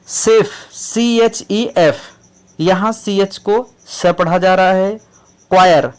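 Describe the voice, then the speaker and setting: A man teaching English pronunciation, spelling out words letter by letter in a slow, deliberate way. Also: sits high, clean tone. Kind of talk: explaining English pronunciation in Hindi.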